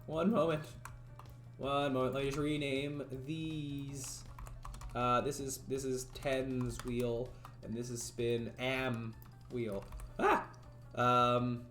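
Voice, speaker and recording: A male streamer with a medium-pitched, slightly raspy voice, worn from talking so long, thinks aloud while coding on a casual livestream. He rambles, chats with viewers and laughs a lot, with a roomy echo and faint music in the background.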